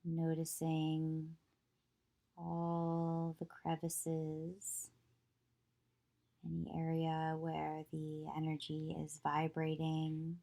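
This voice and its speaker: As a yoga nidra teacher, a woman leads a guided meditation, soothing and measured, pausing at length between short phrases. Her voice is low-pitched, monotone, gravelly, and warm.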